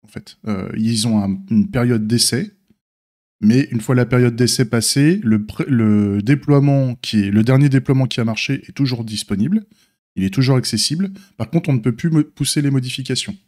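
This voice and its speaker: A man's voice: mid-range voice, moderate pace, darkish tone. A man with a slight lisp and slushy s sounds, giving a casual unscripted stream update in an informal, hesitant, thinking-aloud way. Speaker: streamer and software developer.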